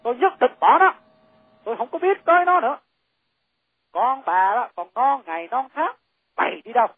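A woman's voice: sits high, big pitch swings, brisk, dry recording, heavily acted. A woman doing a stern stubborn old father. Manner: gruff, curt and scolding. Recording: thin, phone-like lo-fi sound.

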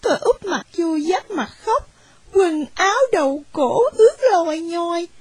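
A woman's voice: extremely high pitch, expressive, measured pace, darkish tone, no echo. A woman voicing a poor, wronged young orphan woman who tells her story tearfully, in a storybook reading.

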